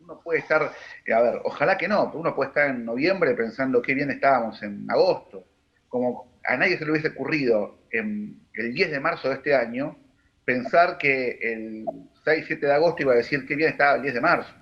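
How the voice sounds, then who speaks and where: Argentine man analyzing, muffled broadcast sound. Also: medium pitch. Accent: Rioplatense Argentine. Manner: measured, analytical, with many fillers and restarts. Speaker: political analyst. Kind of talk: broadcast panel discussion.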